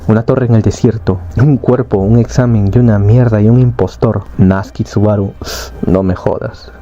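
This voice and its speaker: A man reading out the lines of a despairing young man, read flatly inside his own narration. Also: fairly low pitch, moderate pace, muffled recording, close to an everyday voice. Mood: angry.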